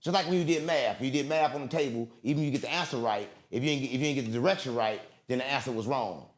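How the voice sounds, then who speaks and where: A racing, mid-range male voice belongs to an interview guest. He delivers a rambling conspiratorial monologue that is emphatic, repetitive, profane, and full of street slang.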